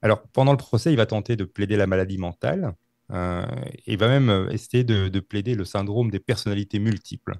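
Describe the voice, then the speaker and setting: A man telling a true-crime story on a podcast, halting with many fillers and restarts. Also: lowish voice, creaky, darkish tone, no room sound, clean studio sound. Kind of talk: casual storytelling.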